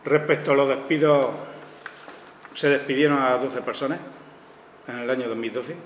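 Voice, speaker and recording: Earnestly delivering a press conference statement in a town hall press room, a Spanish town councillor peppers his sentences with "vale" and "eh." His mid-range voice keeps a fairly even intonation at a normal speed. The hall is echoey with long reverb, faint ambience, and slight background noise.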